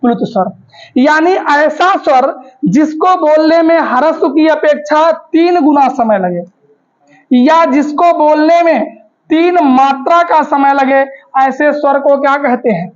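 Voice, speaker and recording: A high-voiced female teacher drills her class through a grammar lesson, posing questions, answering them herself, and repeating the terms. She takes it slowly. The audio is muffled, dull, and lo-fi.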